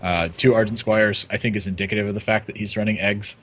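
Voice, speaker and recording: A man commentating a live card game match, upbeat and quick on the play-by-play. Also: fairly low pitch, fairly even intonation, a bit bright, highs cut off. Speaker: esports commentator.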